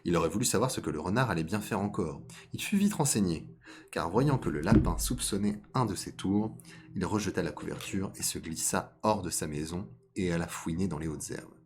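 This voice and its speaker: A man's voice: deep voice, brisk. A man streaming a live reading of a folk tale, stopping now and then to comment on his character voices.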